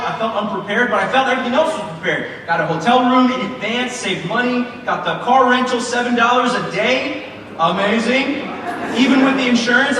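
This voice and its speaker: A man's voice: extremely high pitch, bright, forceful tone, a little hiss or hum. A man in his thirties giving a sermon in a church, telling a personal story with lots of fillers and restarts. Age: 30s. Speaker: preacher. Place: large church hall. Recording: echoey hall from far off.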